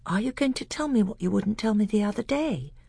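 A man's voice: high voice, animated, a little fast, creaky, darkish tone, breathy edge, no echo, pitched above the performer's own voice, full character voice. A man voicing a young boy prince, raising his voice into an eager, awestruck whisper for a storybook reading. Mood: eager awed.

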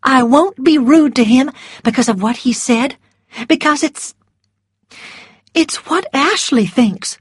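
Woman doing an earnest, soft-spoken young lady. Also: high-pitched, expressive, unhurried, dry recording, clean studio sound, pitched above the performer's own voice, full character voice. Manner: earnest, trembling but firm.

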